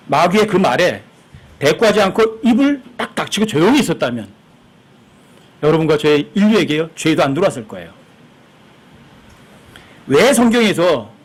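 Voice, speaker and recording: A man's voice: fairly high pitch, big pitch swings, normal speed, long pauses, slightly rough. A man preaching a sermon as pastor, talking conversationally with the congregation and acting out the people in his stories. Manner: acts out quoted voices, emphatic and conversational with the congregation.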